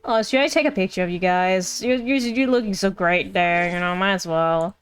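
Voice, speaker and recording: A woman streams a video game with casual, rambling commentary, playfully repeating her own phrases. Her voice is fairly low and moderately paced, with game music behind her.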